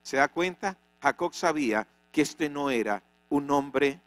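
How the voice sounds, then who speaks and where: Male pastor, high-ish voice, dry sound, dramatic sermon delivery. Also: expressive, measured pace, fairly bright tone, no echo. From Venezuela. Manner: dramatic, rhetorical questions, acts out quoted voices. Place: church.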